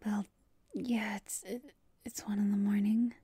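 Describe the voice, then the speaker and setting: Whispered role-play, very breathy, dark soft tone, woman playing sleepy overworked girlfriend, affectionate late-night call, hesitant teasing. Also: medium pitch, level tone, measured pace, dry recording. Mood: tired, sheepish.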